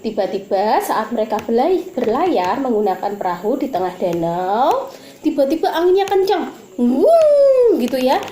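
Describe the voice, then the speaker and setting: A woman teaching Sunday school, telling a story to children in a lively way and asking them questions. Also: a little high, normal speed. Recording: echoey room with faint noise.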